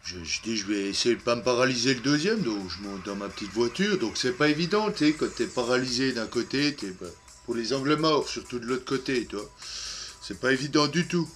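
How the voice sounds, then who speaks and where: A man puts on a lonely, crude drinker who brags and rambles through a comic monologue. His voice is bright and edgy, packed with fillers, and it keeps sinking into mumbles at the ends of his phrases. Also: medium pitch, animated, brisk, faint music behind, natural voice. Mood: rambling.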